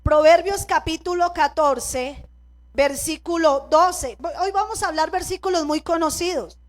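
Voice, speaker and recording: High-voiced Colombian woman preaching. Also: a little slow. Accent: Colombian Spanish. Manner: personal storytelling, congregation prompts with "amén" and "¿cierto?". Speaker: pastor. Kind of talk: sermon. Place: church.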